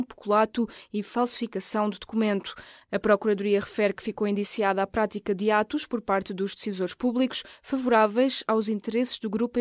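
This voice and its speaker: A woman presents a news bulletin with a European Portuguese accent. Her delivery is crisp and measured, at a mid pitch for a woman. The sound is close and dry, from a studio microphone. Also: no echo. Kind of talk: scripted news bulletin reading.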